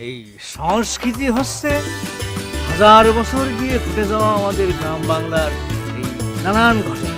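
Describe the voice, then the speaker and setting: An actor playing a reformed club president who speaks politely and formally, like giving a little speech. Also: male voice, high voice, expressive, normal speed, over loud music. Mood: earnest, polite. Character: earnest reformed young man, club president.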